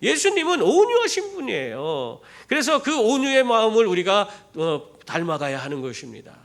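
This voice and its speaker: A man's voice: high voice, normal speed, gravelly. A man preaching a sermon as pastor, telling stories with rhetorical questions to the congregation. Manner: animated storytelling with rhetorical questions. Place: church.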